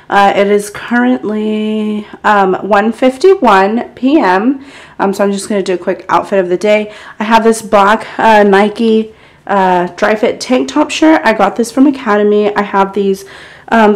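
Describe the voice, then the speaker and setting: A woman's voice: medium pitch, moderate pace. A young woman, talking casually to camera in a lifestyle vlog, chatty and upbeat, with many fillers. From Texas. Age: young adult. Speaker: vlogger. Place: parked car, then small bedroom doorway.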